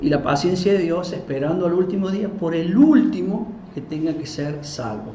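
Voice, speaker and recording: Pastor guy teaching live, kinda high voice, chatty and animated, muffled recording in a big echoey room. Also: moderate pace. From Argentina. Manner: conversational, animated, acts out quoted voices. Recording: roomy, dull live recording with faint noise.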